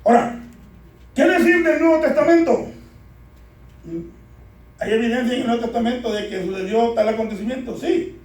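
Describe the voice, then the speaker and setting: A man's voice: extremely high pitch, normal speed, pauses often, a little mellow. A man preaching a sermon to a congregation, repeatedly calling out "beloved brothers" and asking them to answer back. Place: church. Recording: echoey church hall, distant from mic.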